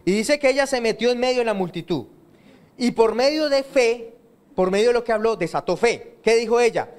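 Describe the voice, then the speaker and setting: High-voiced pastor preaching. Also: male voice. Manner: asks the congregation questions and answers them himself. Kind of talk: sermon. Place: church.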